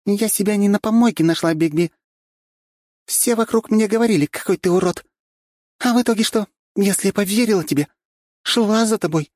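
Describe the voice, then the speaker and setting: Man putting on a high sly vixen girl. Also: quick pace, hardly any pauses, a little mellow, no echo, clean studio sound, lightly acted. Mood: furious.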